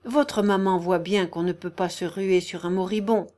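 A woman reading an audiobook, voicing a dying young man who speaks quietly, hoarse and weary. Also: fairly low pitch, steady tone, moderate pace, lightly acted. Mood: weary calm. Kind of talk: audiobook character voice.

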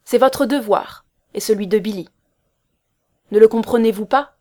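A woman's voice: mid-range voice, a little slow, dark tone, natural voice. A woman voicing an impatient, agitated young man who presses insistently in a storybook reading. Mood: pressing.

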